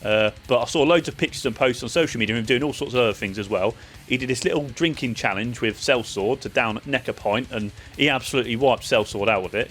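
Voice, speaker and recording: A man's voice: medium pitch, a bit bright. A man giving a casual, chatty spoken review of a festival, loose and full of ums and uhs. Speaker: vlogger reviewing a metal festival.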